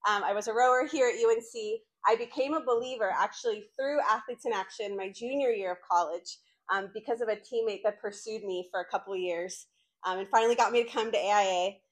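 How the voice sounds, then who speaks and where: A campus ministry speaker, a woman in her late thirties from North Carolina in the United States, chats informally with college students during a faith talk. Her mid-range voice moves fairly quickly in a chatty, conversational way, peppered with "like" asides, on a low-quality recording.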